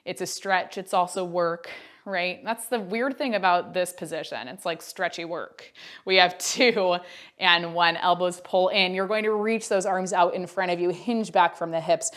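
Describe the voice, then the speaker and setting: Young woman leading pilates at home, bit low voice, chatty and encouraging, a little out of breath. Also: steady tone, moderate pace, fairly bright tone. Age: 20s. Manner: chatty and encouraging, counts down reps between asides. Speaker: Pilates instructor. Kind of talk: workout class instruction. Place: indoors at home. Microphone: wearing a mic.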